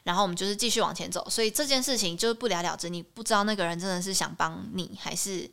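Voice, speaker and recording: A young woman in her twenties, a podcast guest telling travel stories in lively casual chat and acting out the dialogue. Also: lowish voice, fast talker, gravelly. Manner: animated, acts out quoted dialogue.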